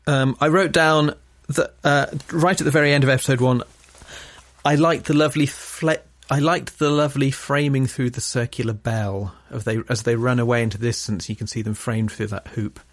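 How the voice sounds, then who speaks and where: A man from England co-hosting a casual podcast chat, wry and quick to laugh. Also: medium pitch, steady tone, no echo. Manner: wry, chatty, laughs often. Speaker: podcast co-host.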